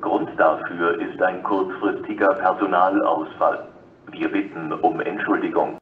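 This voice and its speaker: Deep, flat male platform announcement, echoey. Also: unhurried. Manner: formal, flat, segmented delivery. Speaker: railway station announcer. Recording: echoey, distant, dull station loudspeaker with noise.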